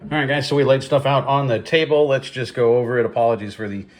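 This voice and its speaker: A man talks casually through a table of thrift finds at a middling pitch. He thinks aloud about prices. The room around him is noticeably echoey. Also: fairly even intonation, fast. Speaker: thrift reseller showing his finds. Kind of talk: casual haul video chat.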